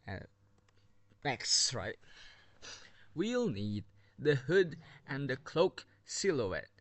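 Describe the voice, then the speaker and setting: This game skin reviewer has a mid-range voice and speaks very slowly yet very animatedly, with no room sound. His casual commentary rambles with frequent restarts and breathless moments, captured on a built-in device mic, no headset, from beneath a blanket.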